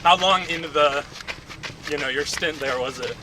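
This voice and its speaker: A man hosting a casual interview while running outdoors, talking informally with quick affirmations. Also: a little high. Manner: informal, frequent short affirmations. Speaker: interviewer, host. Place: outdoors, on the move. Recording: noisy outdoor recording.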